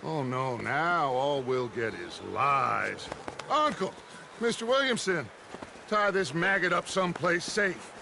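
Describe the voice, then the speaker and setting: An actor playing a theatrical American outlaw gang leader in a video game, pompous, oratorical and mocking. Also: male voice, a little high, expressive, slow, gravelly, background noise, heavily acted.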